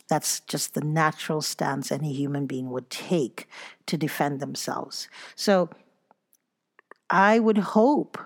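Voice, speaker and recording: A woman from Nigeria hosting a solo podcast, earnest and reflective, with a gravelly, fry-edged voice pitched on the low side. She sounds tired after exercise and turns to self-mocking storytelling between her points. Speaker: podcast host. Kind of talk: casual solo podcast monologue.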